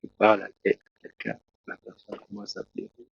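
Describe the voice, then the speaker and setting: A Congolese preacher, a man, tells his testimony in an interview, slowly and haltingly, with many restarts. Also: no echo. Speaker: preacher, guest. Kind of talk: testimony in a talk show interview. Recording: dull, lo-fi dry sound.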